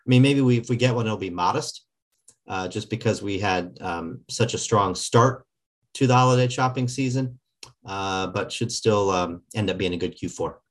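Male analyst, lowish pitch, conversational commentary, measured and somewhat halting. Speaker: market analyst, podcast regular.

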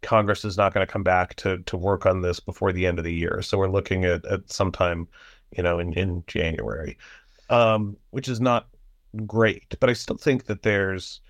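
A man analysing foreign policy in a halting way, with many fillers and restarts. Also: low voice, steady tone, no echo. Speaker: panel guest analyst. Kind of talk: policy discussion.

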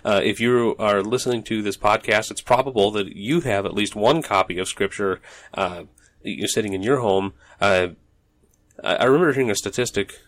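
A low, gravelly, slightly bright male voice belongs to a podcast host rambling through a casual solo monologue. He's full of fillers and restarts. He records from a home office.

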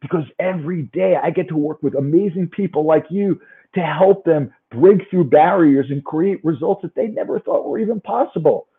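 A man's voice: on the high side, moderate pace. A man with a New York accent giving a motivational business talk as a coach, emphatic and often putting rhetorical questions to his listeners. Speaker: sales coaching speaker and trainer. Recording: thin, narrow-band phone-like sound.

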